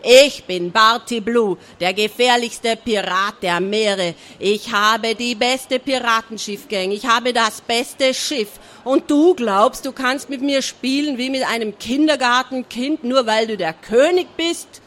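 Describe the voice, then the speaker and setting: A woman voicing an angry, boastful male pirate captain in a children's story, shouting in a lower, growling voice. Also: slow, hardly any pauses. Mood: furious. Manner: loud, growling, indignant.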